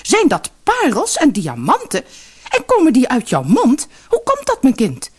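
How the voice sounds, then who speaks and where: A woman voicing a shrill, scolding, greedy peasant mother in a storybook reading. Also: wildly swooping pitch, quick pace, slightly rough. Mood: astonished.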